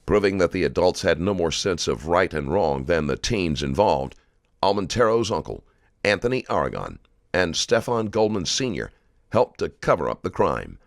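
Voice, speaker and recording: A man reading scripted documentary narration in a measured, serious way. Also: low-pitched, big pitch swings, no echo, clean studio sound.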